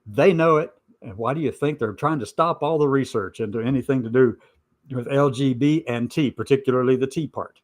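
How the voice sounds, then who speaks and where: A man's voice: mid-range voice, fairly quick, darkish tone. A man hosting an informal opinion show, stressing and repeating his points with sarcastic asides. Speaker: host of a commentary show.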